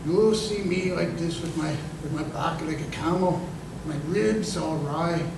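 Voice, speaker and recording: In an old-time radio drama performed live on stage in a museum, a man plays an embittered, crippled ex-corporal, earnest and working-class, recalling how he was betrayed. His slightly high voice carries vocal fry, and he speaks haltingly and emphatically, repeating words in a mood of wistful, bitter recollection. The recording is echoey and noisy, picked up by a distant mic.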